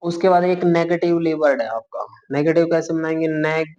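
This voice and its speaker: A man teaching shorthand, spelling words out letter by letter, asking if it is clear and correcting himself as he draws. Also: a little high, steady tone, normal speed, a little mellow. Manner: calls students "beta", corrects himself as he draws. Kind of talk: explaining shorthand outlines for dictation words. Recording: muffled lo-fi recording.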